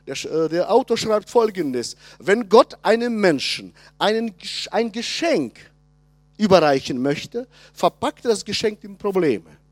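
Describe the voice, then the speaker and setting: A man, preaching a conference sermon and addressing the congregation directly, moving between loud emphasis and quiet asides. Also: high voice, sing-song, unhurried, no echo. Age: 60s.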